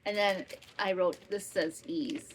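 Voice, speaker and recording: A woman in her fifties from northwestern Wisconsin talks through a casual podcast at home in a middle-pitched voice. She rambles easily, adding asides and correcting herself as she goes. A fan hums faintly in the background. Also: steady tone, unhurried, poor audio. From northwestern Wisconsin, US Midwest. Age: 50s. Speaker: podcast host and maker. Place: home in summer heat with a fan running. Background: faint fan hum.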